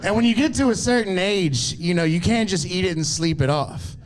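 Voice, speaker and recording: A man, telling profane, animated stories in a stand-up set and teasing the crowd. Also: sits high, brisk. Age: 30s. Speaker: stand-up comedian.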